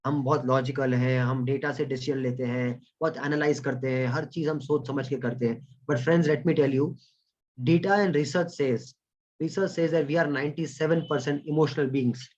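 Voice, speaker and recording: A man's voice: on the high side, steady tone, slow pace, a little mellow, dull audio. A man with an Indian accent running an online communication training, mixing Hindi and English and thanking chat participants by name. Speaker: corporate trainer. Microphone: video call.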